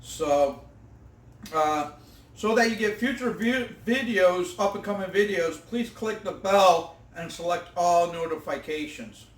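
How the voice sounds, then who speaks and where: A man's voice: sits high, measured pace, reverberant. A man hosting an outdoor cooking vlog, tasting his fried fish with enthusiastic exclamations. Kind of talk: casual eating vlog.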